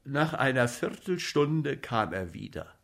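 A man narrating a story as an audiobook reader in a slow, lively way. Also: mid-range voice, gravelly.

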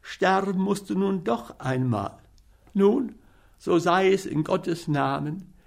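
A man's voice: high voice, takes it slowly, gravelly, voice pushed up, exaggerated voice. A man voicing a whiny, gluttonous young male servant in a storybook reading, plaintive and pleading. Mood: despairing.

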